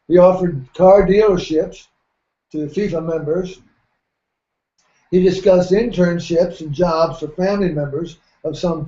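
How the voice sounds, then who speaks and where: A man's voice: on the high side, warm tone. Folksy man hosting a sports talk show. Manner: measured, folksy, clears throat often. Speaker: host. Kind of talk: radio talk show commentary. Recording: roomy, dull lo-fi sound.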